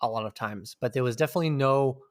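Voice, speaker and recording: With a quick pace and a mid-range voice, this interview guest is captured in a dry, studio-quality recording. He talks reflectively and conversationally, searching for his thoughts, and curses casually once in a while.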